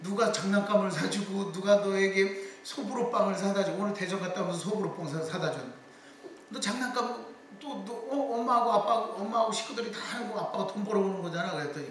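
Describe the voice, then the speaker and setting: A man's voice: sits high, a little fast, a little hiss or hum. A middle-aged man lecturing on public speaking, telling stories and quoting people's voices as he goes. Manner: lively storytelling with quoted voices. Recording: echoey hall, voice from far off.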